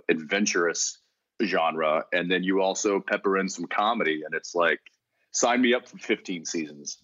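Deep low man from Texas, relaxed rambling interview talk, dry close sound, slightly dull audio. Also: no echo. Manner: relaxed, rambling with frequent restarts. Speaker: actor being interviewed. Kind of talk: casual interview conversation.

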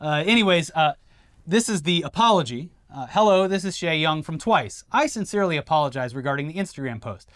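A man from Florida co-hosting a news commentary show, his voice fairly high for a man. He reads quotes and explains the background with wry asides. The sound is dry and close-miked. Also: expressive, brisk, a bit bright, dry recording. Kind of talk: casual news commentary chat.

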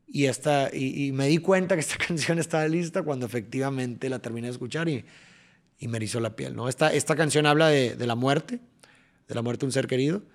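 This podcast guest, a man with a Mexican accent, speaks a little fast at a medium pitch. He describes his songwriting with eagerness in a relaxed interview, frequently starting over and tapping out beats.

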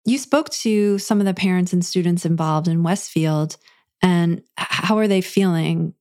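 A woman's voice: on the low side, moderate pace, darkish tone. A woman speaking as a podcast host, with scripted narration and interview questions.

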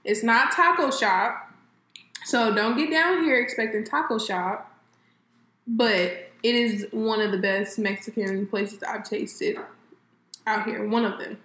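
A woman from California co-hosting a casual chat, chatty and quick to laugh, talking to viewers as y'all. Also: fairly high pitch, fairly bright tone. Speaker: co-host. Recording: echoey room with faint ambient noise.

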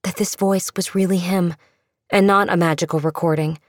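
A woman's voice: fairly low pitch, fairly even intonation, moderate pace. A woman reading a scripted, dramatic fiction narration as an audiobook narrator.

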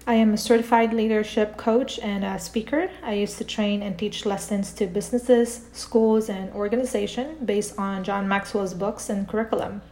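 A middle-aged woman born in the Philippines, a parent coach and author, talking calmly and reflectively as a guest in a podcast interview over a remote call. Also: medium pitch, moderate pace, hardly any pauses.

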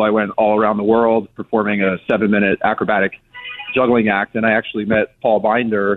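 A man in his thirties answering questions as a guest executive in a radio interview. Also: fairly low pitch. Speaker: circus chief executive, guest. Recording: thin, phone-like band-limited sound.

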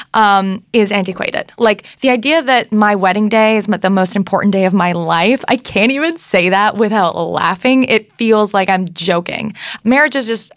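Casting note: woman host in her thirties, chatty and lively, dry close studio sound. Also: mid-range voice, gravelly, dry recording. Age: 30s. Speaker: podcast host. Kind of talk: conversational interview.

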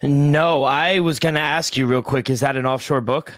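A man's voice: mid-range voice, steady tone, moderate pace, a bit bright, dry recording, clean studio sound. A man co-hosting a casual sports betting talk, conversational and opinionated. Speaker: sports betting show co-host.

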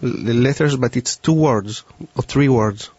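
A man's voice: medium pitch, a little mellow, husky, dry recording. Israeli-accented man, dull dry recording. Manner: halting, non-native English phrasing. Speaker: mentalist performer. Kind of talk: mind-reading demonstration, talking to a volunteer.

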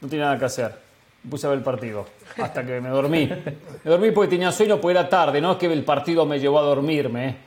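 A male football pundit with a high voice rambles through his analysis, full of fillers and restarts. He pokes fun at himself along the way. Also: quick pace, a little mellow. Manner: rambling, filler-heavy, self-deprecating humor. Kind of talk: sports talk show commentary.

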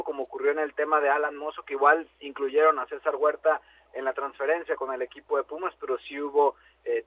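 A man's voice: a little high, slight background noise. A man with a Mexican accent giving a live sports report over the phone. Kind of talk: live spoken news report. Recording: thin, tinny phone line.

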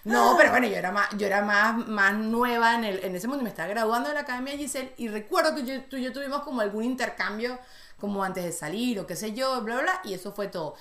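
Fast-talking Venezuelan woman host. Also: fairly high pitch, a bit bright. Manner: chatty and quick, laughs easily. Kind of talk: casual interview chat. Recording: roomy echo.

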